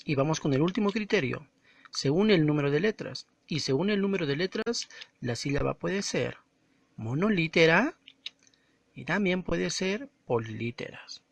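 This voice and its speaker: A male teacher giving a slow, didactic recorded lesson, stressing words and syllables as he explains them. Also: a little high, lively intonation, vocal fry, dry recording.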